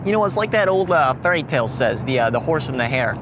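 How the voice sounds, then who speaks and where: A man's voice: mid-range voice, big pitch swings, quick pace, close to an everyday voice. A young man playing a pompous site captain. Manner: self-important, rambling. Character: pompous male site captain, proud of cones. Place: outdoor construction site by a road. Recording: traffic noise outdoors.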